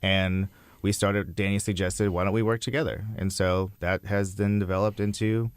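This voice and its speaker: A man's voice: low voice, level tone, moderate pace, clear, resonant tone, dry recording. A young man talking casually as a guest in an interview. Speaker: interview guest, creative entrepreneur.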